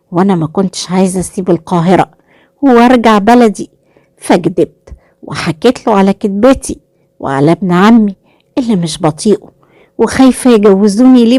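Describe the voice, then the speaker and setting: A woman with an Egyptian accent narrating a romantic story in the first person, with an expressive, lively telling. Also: medium pitch, no echo. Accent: Egyptian Arabic.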